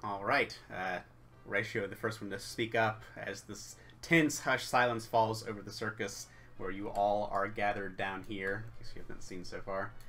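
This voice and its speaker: A man's voice: fairly low pitch, steady tone, normal speed, sharp tone. A man narrating a tabletop game as game master, in a dramatic storytelling manner.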